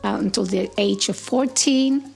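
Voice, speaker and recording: Gravelly older woman. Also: medium pitch, soft background music. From Puerto Rico. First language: Spanish. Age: 70s. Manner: gentle, unhurried, with thoughtful pauses and "uh"s. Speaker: interviewee, grandmother. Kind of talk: reflective storytelling.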